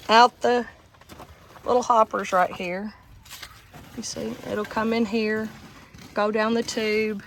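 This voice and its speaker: A middle-aged woman filming on a handheld phone outdoors, explaining things casually in a plain-spoken, folksy way. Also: a little high. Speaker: farm vlogger. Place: outdoors in a farmyard. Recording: outdoor handheld recording with background noise.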